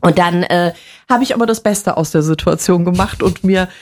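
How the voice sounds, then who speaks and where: Lively middle-aged woman telling stories. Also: lowish voice, moderate pace, slight background noise. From Munich, Bavaria. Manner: lively, laughing storyteller. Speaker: TV and radio presenter. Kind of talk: casual conversation.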